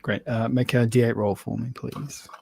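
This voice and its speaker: A man's voice: mid-range voice, little pitch movement, moderate pace, vocal fry, warm tone, breathy edge. A man narrating a live tabletop game as game master, laughing often and rambling loosely as he describes scenes.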